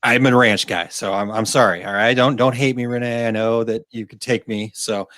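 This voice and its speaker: A man's voice: mid-range voice, fairly even intonation, normal speed, a bit bright, dry recording, studio quality. A man co-hosting a casual live Q&A, reading viewer questions aloud and joking around with frequent laughs. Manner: jokey, laughs often, reads questions aloud.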